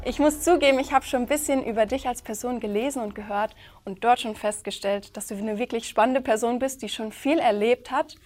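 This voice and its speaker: A woman hosts an interview in a friendly, attentive way, asking questions and filling the gaps with frequent "mhm" listening sounds. Her voice is fairly high and darkish, running a little fast with few pauses, over faint background music.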